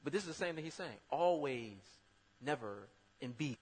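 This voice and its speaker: Husky-voiced man preaching in a reverberant hall. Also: mid-range voice, animated, moderate pace. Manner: conversational, with sudden loud emphatic bursts. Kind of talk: sermon.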